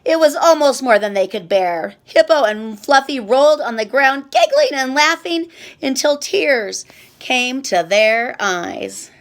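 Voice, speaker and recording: Slow, expressive woman reading a storybook. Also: sits high. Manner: slow, expressive, sing-song. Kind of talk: reading a children's picture book aloud.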